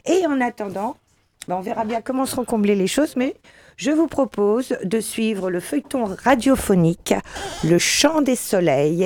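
A woman's voice: medium pitch, a little mellow, dry recording. A woman hosting a radio show in a casual, conversational style.

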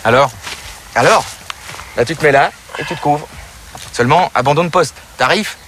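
An actor playing a brash, mocking frontline officer in film dialogue, blunt and slangy. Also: male voice, fairly high pitch, normal speed, fairly bright tone, a little hiss or hum, close to an everyday voice.

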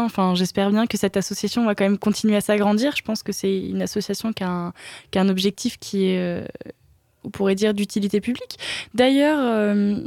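A woman's voice: mid-range voice, darkish tone, no room sound, clean studio sound. A woman hosting a casual radio interview, friendly and hesitant, with many fillers. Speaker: radio show host.

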